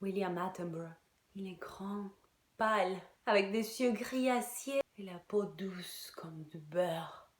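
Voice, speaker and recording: A woman's voice: medium pitch, animated, normal speed, roomy sound, close to an everyday voice. An actress playing a heartbroken, bitter Irish woman in a theatre monologue, crude and sardonic, sometimes dropping to a whisper. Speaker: actress in a one-woman show.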